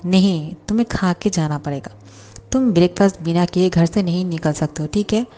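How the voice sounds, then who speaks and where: A woman voicing a doting parent figure who coaxes and gently reproaches her son. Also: lowish voice, moderate pace, natural voice. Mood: coaxing. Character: caring, doting parent figure called mom.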